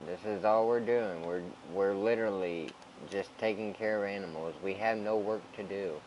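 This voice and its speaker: A man casually commenting on his farming game in a flat, laid-back way, often saying "bro". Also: lowish voice, normal speed, dull audio, a little hiss or hum. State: hiccups. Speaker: gaming channel host.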